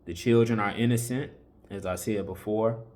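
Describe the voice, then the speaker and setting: Guy with a low voice, preachy chat full of fillers. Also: steady tone, moderate pace, a little mellow. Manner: preachy, conversational, repeats warnings with many fillers. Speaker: commentary channel host. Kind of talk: casual opinion commentary.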